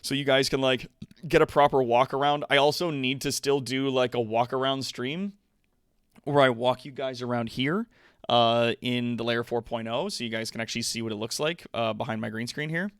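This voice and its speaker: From his home streaming room, a man hosts a casual chat with viewers, swearing liberally and adding animated asides. His voice is smooth and medium-pitched at a moderate pace, with clean studio sound and no room sound.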